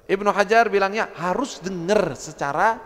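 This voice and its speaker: Lively man teaching a religious text. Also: high-pitched, moderate pace, long reverb tail. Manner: lively, acts out quotes and mimics mumbling preachers. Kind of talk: kitab study lecture.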